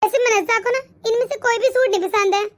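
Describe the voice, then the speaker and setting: A woman's voice: extremely high pitch, fast talker, no room sound, studio quality. A woman voicing a rich sister-in-law who is cold to her poorer relatives, speaking sweetly but condescendingly. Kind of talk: cartoon voice acting.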